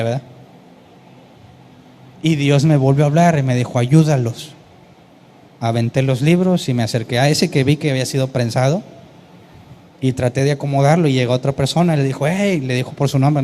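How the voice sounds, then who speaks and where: A man, preaching a sermon and telling a story with lively, acted-out voices. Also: medium pitch, slight background noise. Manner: animated storytelling, acting out quoted voices. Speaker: pastor.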